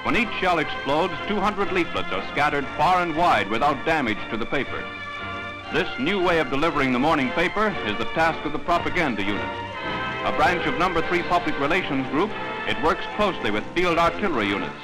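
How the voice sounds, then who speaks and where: Male announcer, higher-pitched, for a 1940s newsreel: brisk, quipping, scripted, with a music score underneath. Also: expressive, rough recording. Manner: brisk, wisecracking announcer delivery. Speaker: newsreel narrator. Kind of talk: 1940s wartime newsreel narration.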